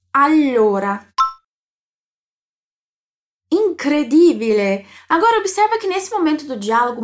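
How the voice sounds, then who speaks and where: High-voiced woman teaching Italian. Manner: encouraging, models phrases slowly for repetition. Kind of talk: language lesson narration.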